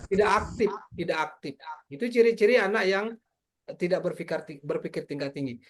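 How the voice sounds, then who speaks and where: A man's voice: high-pitched, a little fast. A male lecturer explaining exam questions to students in an online class, repeating his points and tagging sentences with "ya". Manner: repetitive, tag questions with ya.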